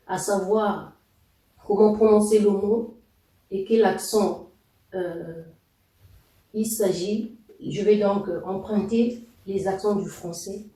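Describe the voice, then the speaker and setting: Slow-spoken man teaching a language lesson. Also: high voice, dark tone, distant mic. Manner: slow, deliberate explaining with fillers. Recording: echoey room, voice off-mic.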